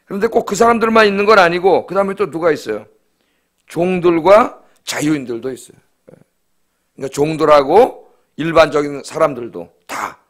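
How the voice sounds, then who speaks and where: A man's voice: on the high side, fairly bright tone. A middle-aged man preaching a dawn service sermon as pastor in a church. He speaks emphatically and often prompts the congregation with short questions. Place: church sanctuary.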